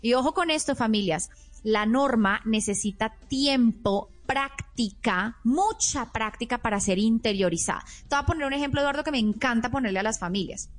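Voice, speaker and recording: A woman's voice: fairly high pitch, normal speed, faint music behind. A woman parenting expert explaining in a teaching manner, acting out example phrases a parent might say. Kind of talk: explanatory podcast talk.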